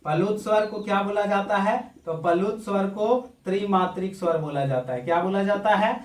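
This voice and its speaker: A man's voice: high voice, normal speed. A man teaching Hindi grammar for board exams, asking questions and answering them himself, drawing out vowels to demonstrate them. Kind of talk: board-exam grammar lesson. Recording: echoey room, voice from a distance.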